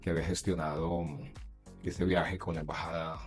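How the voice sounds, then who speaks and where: A middle-aged man from Colombia, a journalist and announcer, telling animated anecdotes in a casual interview and laughing often. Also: deep voice, moderate pace, faint music behind.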